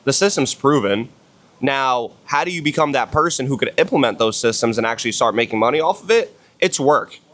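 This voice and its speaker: A hungover man gives a casual motivational podcast talk at a middling pitch. He is blunt and emphatic, leaning on slang and swearing. He repeats short phrases to drive each point home. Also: animated, brisk, fairly bright tone. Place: outdoors on a villa balcony.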